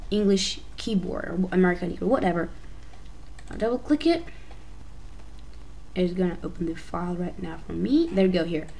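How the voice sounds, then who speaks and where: A woman's voice: medium pitch, poor audio. Hesitant Albanian-accented woman explaining steps. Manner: hesitant, often restarting and correcting herself. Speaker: tutorial maker. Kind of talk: casual screen-recording tutorial voice-over.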